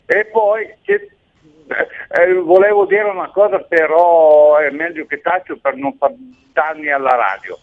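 A man's voice: on the high side, measured pace. Agitated male caller on a phone line. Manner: agitated, rambling, insistent. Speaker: radio caller. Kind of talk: phone-in call to a talk radio show.

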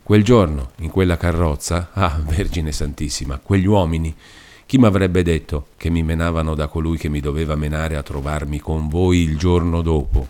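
A man's voice: rumbling low, fairly even intonation, moderate pace, darkish tone. A man voicing an anxious, devout young village woman, speaking in a pleading, earnest way.

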